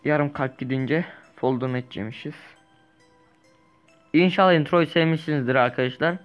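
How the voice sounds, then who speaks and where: A young man casually commenting while he plays a survival game, rambling, correcting himself and breaking into lively bursts. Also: on the high side, normal speed, lo-fi sound, soft background music. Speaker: gaming YouTuber. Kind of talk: casual let's-play commentary.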